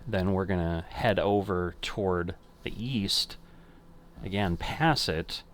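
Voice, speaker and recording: A man's voice: sits low, slow. An older man casually commenting on a flight simulator game, thinking aloud and correcting himself as he goes. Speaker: flight sim streamer.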